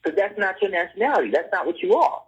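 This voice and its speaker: On dull lo-fi audio, a middle-aged podcast guest talks fast in a high, husky voice with big swings in pitch. His conversational lecture is insistent, and he keeps checking comprehension with "you see what I'm saying?"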